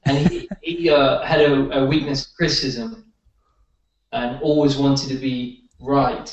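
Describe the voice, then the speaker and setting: This time the healer's voice is mid-range and flat, with a measured pace. He tells stories in a relaxed interview, often restarting hesitantly, and the audio comes across as far off, echoey and slightly muffled.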